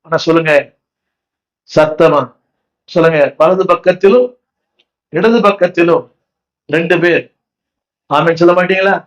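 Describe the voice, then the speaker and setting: This Indian pastor speaks with a Tamil accent, his voice on the high side, unhurried and full of pauses, with the highs cut off. Preaching in church, he repeatedly asks the congregation to say the words back to him, exhorting and questioning them again and again.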